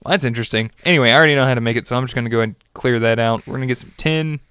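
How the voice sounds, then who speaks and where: In clean studio sound with no room echo, a young gaming host speaks rapid-fire at a medium pitch, his tone bright, forceful, and clean despite a stuffy, congested quality. He chats casually and upbeat through his own gameplay, adding little laughs and fillers. Faint music runs underneath.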